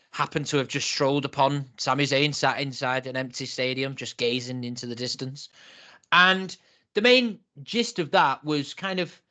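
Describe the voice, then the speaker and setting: A man's voice: medium pitch, sharp tone. A man co-hosting a casual wrestling review chat, talking in a chatty, laughing way. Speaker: podcast co-host.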